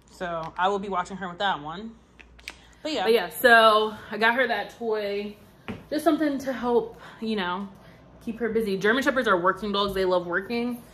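This vlogger, a woman in her twenties, sounds exhausted as she rambles on to her audience, dropping "like" and "um" and wandering into asides. Her voice sits in the mid range with a fairly bright tone.

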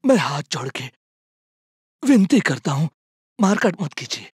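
An actor playing a calm, earnest male protest leader in a dubbed film, pleading for peace. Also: fairly high pitch, measured pace, husky, no room sound, studio quality, exaggerated voice.

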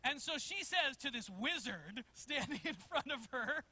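A man preaching a sermon as pastor in a church, telling a story in an animated way and chuckling as he goes. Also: very high-pitched, measured pace. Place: church sanctuary.

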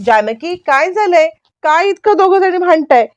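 A woman's voice: very high voice, expressive, moderate pace, no echo, highs cut off, voice pushed up. A woman voicing a reassuring middle-aged mother-in-law who brushes off worries. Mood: soothing. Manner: soothing, dismissive of worries.

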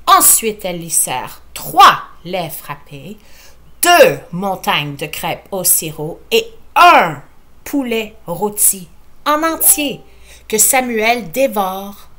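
A woman's voice: mid-range voice, slow. Playful Quebec French woman reading aloud. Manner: expressive, playful, chats with listeners. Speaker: teacher. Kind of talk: reading a picture book aloud.

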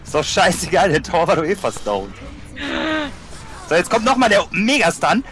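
A man's voice: high voice, big pitch swings, normal speed, fairly bright tone. A young man chatting playfully and boastfully during a casual gaming session. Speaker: gamer.

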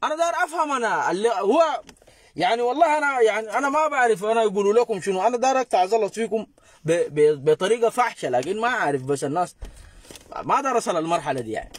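A man's voice: sits high, animated, fast, dry recording, clean studio sound. A man with a Sudanese accent hosting a casual commentary, mocking and sarcastic as he reacts to clips. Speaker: host reacting to videos.

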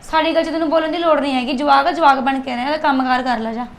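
An actress playing a defiant, spoiled new daughter-in-law in a short film, with a Punjabi accent and an argumentative manner. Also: female voice, high voice, fairly even intonation, fast, a little hiss or hum. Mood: scornful. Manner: sharp-tongued, argumentative. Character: defiant, spoiled young newlywed woman.

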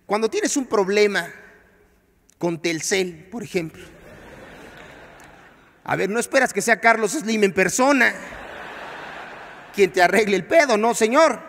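High-voiced Mexican comedian in a theater. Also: male voice, expressive, a little slow, pauses often. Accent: Mexican Spanish. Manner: swings from low asides to loud mock outbursts. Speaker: stand-up comedian. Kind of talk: stand-up comedy set. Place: large theater stage. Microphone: handheld mic. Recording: theater with long reverb.

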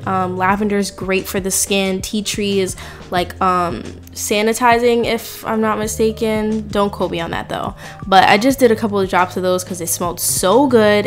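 A young woman in her twenties narrating her home pedicure tutorial as a beauty vlogger, casual and chatty with lots of fillers and playful asides to viewers. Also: mid-range voice.

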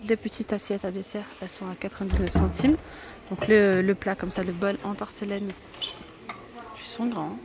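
Inside a large discount store, a shopping vlogger gives a casual walkthrough, chatty and enthusiastic but full of hesitations as she points out new items. Her voice is medium-pitched and steady at a moderate pace, over a noisy background.

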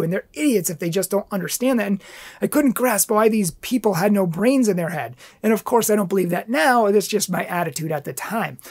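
A man's voice: sits high, husky. A man giving an earnest, impassioned inspirational talk, telling a personal story as a pro-life speaker.

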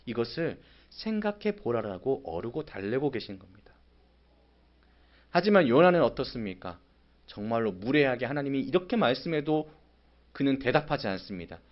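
A man preaching a sermon as pastor, acting out a prophet's angry, sarcastic complaints in sudden loud bursts. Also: on the high side, lo-fi sound. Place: church sanctuary.

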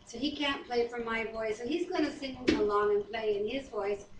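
A middle-aged woman co-hosts prayer and Bible reading in a wood-paneled home dining room, mixing casual chat with scripture. She's chatty and self-deprecating, laughs easily, and has a slightly high voice. The recording, made by a far camera, sounds roomy, distant and echoey.

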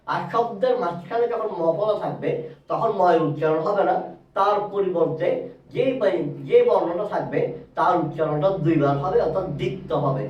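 A man with a high voice teaches a grammar rule at a board, spelling out letters one by one and repeating each point slowly. He sounds set back from the mic in an echoing room, and the sound is dull. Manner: addresses viewers directly, self-correcting. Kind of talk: whiteboard grammar lesson. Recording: roomy, distant, dull sound.

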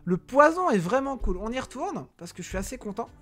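Excitable high-voiced gaming commentator, man. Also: fairly quick. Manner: excitable, shouts during fights, talks to viewers and enemies. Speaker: gaming YouTuber. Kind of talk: live gameplay commentary.

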